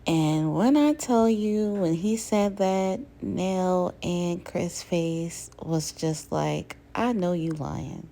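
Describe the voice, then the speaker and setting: This reality TV commentator has a low, warm voice and draws out her words with barely a pause. She gives a chatty, casual recap packed with fillers, mimicking lines from the cast.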